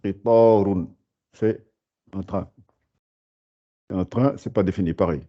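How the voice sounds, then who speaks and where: A man with a low voice teaches a beginners' Arabic class slowly, patiently repeating sounds and words, often using fillers and restarting. The recording has a dull, lo-fi quality.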